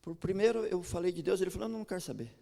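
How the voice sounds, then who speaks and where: Gravelly Brazilian pastor in a church hall. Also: male voice, sits high, very fast. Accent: Brazilian Portuguese. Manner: storytelling, animated, frequent stammered restarts. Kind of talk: sermon with personal stories.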